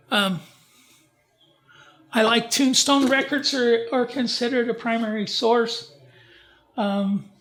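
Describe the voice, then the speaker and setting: A man presents an informal genealogy talk with slides in a library event room, in a high, slightly bright voice. He's halting, frequently restarting his sentences and putting questions and asides to the audience.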